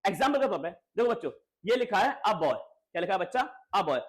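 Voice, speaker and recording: In a high-pitched, fairly quick voice, a male teacher leads a grammar lesson for schoolchildren. He's lively and coaxing, asking questions and repeating them to his students.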